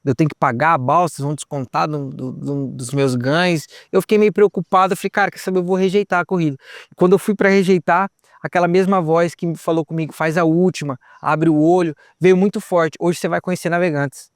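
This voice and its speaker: Young man, personal testimony, quick delivery, dry close sound, acts out conversations. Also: on the high side, steady tone, no echo. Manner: retells events with quoted dialogue, says "cara" often. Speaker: testimony guest. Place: hilltop lookout, outdoors.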